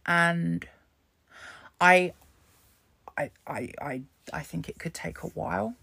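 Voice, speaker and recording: Gravelly-voiced woman ranting. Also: fairly low pitch, slow pace, bright, forceful tone. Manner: frank, sweary, rambling rant. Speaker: podcast host. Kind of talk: casual solo podcast monologue.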